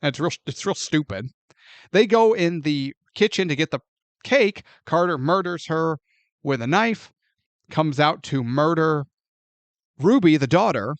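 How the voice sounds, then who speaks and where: A man co-hosting a podcast, recapping a film plot in an animated, profane, incredulous way. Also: on the high side, a little slow, dry recording. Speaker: podcast co-host. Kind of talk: casual movie review chat.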